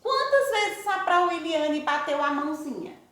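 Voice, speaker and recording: Lively, slow-talking Brazilian schoolteacher woman. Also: very high-pitched, very noisy. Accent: Brazilian Portuguese. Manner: affectionate, slow and sing-song, addressing young pupils. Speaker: primary school teacher. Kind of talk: recorded remote lesson for children. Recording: echoey room.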